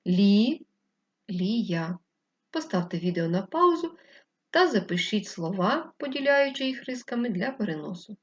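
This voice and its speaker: A woman teacher giving a slow, clear first-grade lesson, patiently spelling words out syllable by syllable. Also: a little high, sing-song, fairly bright tone. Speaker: primary school teacher. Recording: slightly dull lo-fi recording.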